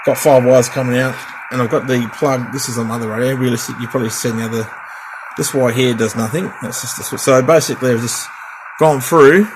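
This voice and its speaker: Testing a radio on camera, a middle-aged radio hobbyist vlogger from Australia talks a little quickly in a steady, mid-range voice. His casual hands-on demo is chatty and rambling, with repeated test counts and other repetition. It was recorded at home, with clear background noise.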